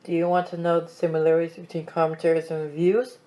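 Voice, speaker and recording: A man, the reviewer under criticism, speaking in a flat, monotone way in online review commentary. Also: fairly high pitch, quick pace.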